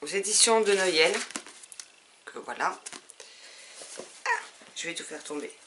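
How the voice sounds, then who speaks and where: Low-voiced woman chatting about books. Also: expressive, unhurried, noisy background. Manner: rambling, full of hesitations. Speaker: book vlogger. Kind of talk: casual book haul chat.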